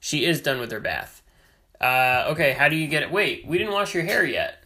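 A man's voice: fairly high pitch, lively intonation, normal speed, sharp tone. A man hosting a homemade show, chatting casually and playfully with a small child during bath time and announcing breaks like a show host. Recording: noisy home bathroom recording with water sounds.

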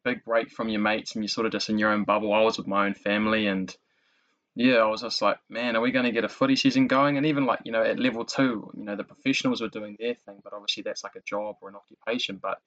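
A man's voice: lowish voice, fairly even intonation, fast, fairly bright tone, highs cut off. A young man with a broad New Zealand accent chatting casually as a podcast host, matey and slangy, saying bro and man often. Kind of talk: casual interview chat.

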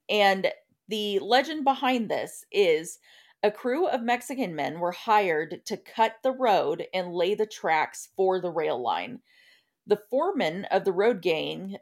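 A woman co-hosting a casual podcast, chatting through local ghost legends and laughing easily. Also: medium pitch. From Southeast Texas. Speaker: podcast co-host presenting the topic.

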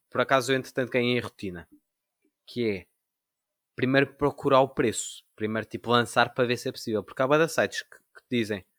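A young man with a European Portuguese accent talks casually at a middle pitch. The recording is close and dry. He rambles through anecdotes in slangy speech, voicing imagined lines as he goes. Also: a bit bright, dry recording. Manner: slangy, acts out imagined dialogue.

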